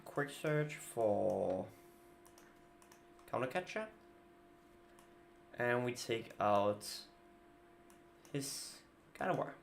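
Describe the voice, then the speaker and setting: Playing cards on a live stream, this Danish-accented man, a native Danish speaker, thinks out loud casually and mutters asides. His medium-pitched voice is expressive and creaky, with drawn-out words and long pauses over slight background noise.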